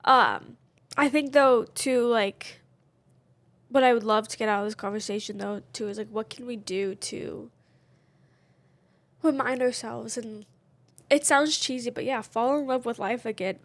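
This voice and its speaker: A woman's voice: a little high, a little slow, pauses often, no echo. A woman co-hosting a podcast, talking candidly and casually with lots of fillers. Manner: candid, chatty, many fillers. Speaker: podcast co-host. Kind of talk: casual chat.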